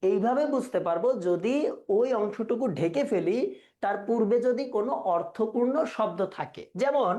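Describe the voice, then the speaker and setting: High-voiced and warm in tone, this male teacher runs a live online class for exam prep. He tests the students with questions and repeats words slowly as pronunciation drills.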